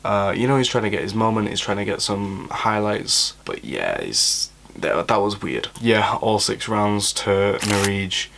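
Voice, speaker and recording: A man's voice: fairly low pitch, animated, a little slow, gravelly, few pauses, slight background noise. A young man, a boxer, casually reviewing a fight card to camera, keeping his voice down late at night, blunt and opinionated with lots of fillers. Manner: speaking quietly late at night.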